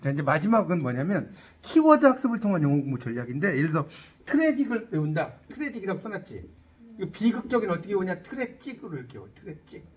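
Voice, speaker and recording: A man's voice: sits high, quick pace. A middle-aged man teaching an English lesson in Korean, quizzing his listeners and joking as he goes. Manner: lively, asks students questions, jokes. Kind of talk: classroom-style lecture.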